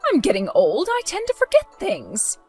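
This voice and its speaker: A spiteful, scheming mother-in-law, voiced by a woman in a dramatized story, protesting her innocence in a high, swooping voice. Soft music plays beneath her. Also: wildly swooping pitch, normal speed, heavily acted. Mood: indignant.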